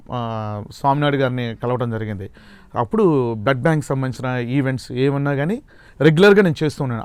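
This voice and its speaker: A man as a mimicry artist guest, soft-spoken and hesitant, chatting casually in an interview. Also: medium pitch, smooth, dry recording.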